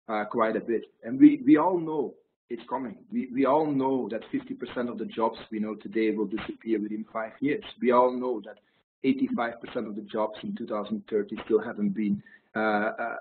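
A man in his thirties from Belgium, giving a keynote over a video call and talking loosely with fillers. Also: mid-range voice. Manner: loose, talkative, uses fillers. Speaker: guest speaker. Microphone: video call webcam. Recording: tinny call audio, faint noise.

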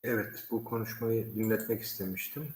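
A man speaking directly to his viewers in a measured, explanatory way. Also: lowish voice, fairly even intonation, darkish tone, reverberant.

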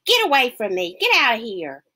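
A woman's voice: a little high, wildly swooping pitch, normal speed, bright, forceful tone, breathy edge, exaggerated voice. Rainbow Fish, a woman doing a proud vain fish. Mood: haughty. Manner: haughty, then pleading.

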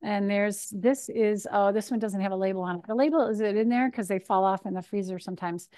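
A woman in her fifties from Michigan, a nutrition speaker answering questions in a chatty, animated way over a video call from her home kitchen. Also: mid-range voice, a little fast. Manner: chatty and animated, gesturing, acts out her own thoughts. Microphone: video call webcam.

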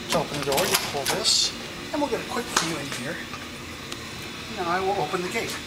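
A man guides the listener through an elevator ride with eager, explanatory enthusiasm. He sounds set back from the camera mic in a boomy little cab. A heavy wash of noise sits under everything he says. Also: animated, brisk. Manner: eager, explanatory, points things out. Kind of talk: casual guided walkthrough. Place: inside a small elevator cab in a building. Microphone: handheld camera mic. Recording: roomy, distant, loud background noise.

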